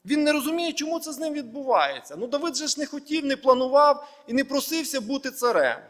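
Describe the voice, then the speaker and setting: A man pastor giving a sermon, preaching in measured short phrases and building emphatic lists. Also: very high-pitched, lively intonation, fairly bright tone. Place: church hall. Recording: long reverb of a large hall.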